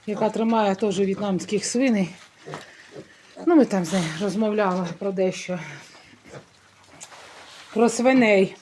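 A woman's voice: mid-range voice, darkish tone, a little hiss or hum. A middle-aged woman vlogging casually outdoors in a village garden, chatting homely to the camera as she shows things. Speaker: family vlogger. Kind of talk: casual vlog narration.

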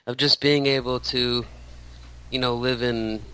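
A man's voice: medium pitch, level tone, measured pace, sharp tone, clean tone, poor audio. A man in his thirties, a radio show guest, talking casually with many restarts and fillers. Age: 30s. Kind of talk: casual interview talk.

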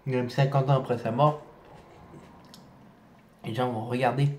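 A man talking casually to camera in a food vlog, chewing while talking, halting and repeating himself. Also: mid-range voice, fairly even intonation, darkish tone, echoey room, slight background noise. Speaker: food vlogger.

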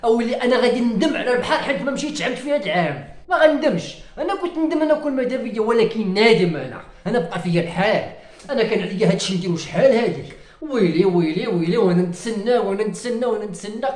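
Moroccan male comic, fast wailing rant, echoey room. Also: very high-pitched, very animated. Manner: wailing, ranting, theatrical lament. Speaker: comedian. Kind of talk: comic sketch monologue. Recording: roomy echo.

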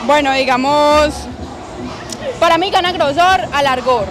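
Young woman, slow drawn-out talk, giggly, high voice, loud crowd. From Medellín, Colombia. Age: late teens. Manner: slow, giggly, short answers. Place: busy street outdoors at night. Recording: loud music and crowd noise.

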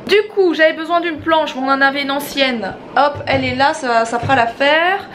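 A woman's voice: sits high, moderate pace, fairly bright tone, a little hiss or hum. A woman in her twenties with a slight lisp and slushy sibilants, chatting casually to a handheld camera as a vlogger at home. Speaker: family vlogger. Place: small room at home. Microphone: camera held at arm's length.

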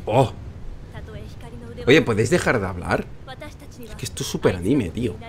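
A man's voice: on the low side, sing-song, normal speed. A young man with a Spain Spanish accent, hosting a let's play with joking, sarcastic, swear-filled casual commentary.

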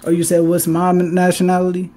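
A young man from Chicago talking in a relaxed, easygoing way over voice chat. His pitch stays flat and even, with little rise or fall. Faint music plays under him. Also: fairly quick. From Chicago, USA. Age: 20s. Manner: laid-back, keeps asking "you get what I'm saying". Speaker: dating show contestant. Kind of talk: casual voice chat.

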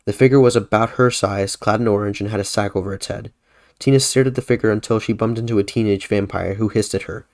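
Man reading a horror story, low voice. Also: steady tone, quick pace, a little mellow. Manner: casual, self-correcting reading. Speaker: podcast host.

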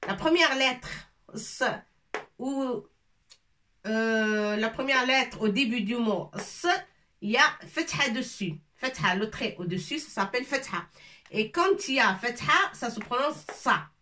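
A woman's voice: on the high side, animated, unhurried, bright, forceful tone. A woman teaching letters at a board, patiently repeating each sound and checking in often. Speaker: Arabic teacher. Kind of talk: slow whiteboard language lesson. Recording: voice from a distance.

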